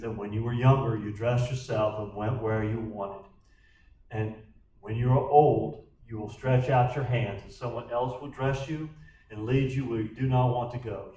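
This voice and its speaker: Slow, emphatic pastor in an echoey room. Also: male voice, medium pitch, mellow, recorded from a distance. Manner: slow, emphatic, acts out quoted lines. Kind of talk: bible study teaching. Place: church room. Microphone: distant backup recording.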